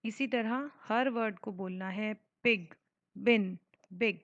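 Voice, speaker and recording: A woman teaching children to read, sounding out simple words slowly letter by letter in a phonics lesson. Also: medium pitch, no room sound. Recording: dull lo-fi sound.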